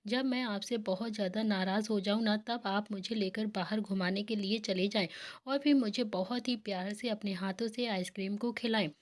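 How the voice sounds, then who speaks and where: A woman reading the lines of a gentle young wife, in an affectionate, innocent way. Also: medium pitch, normal speed, close to an everyday voice. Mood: tender. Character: gentle young wife, sweet and soft-spoken.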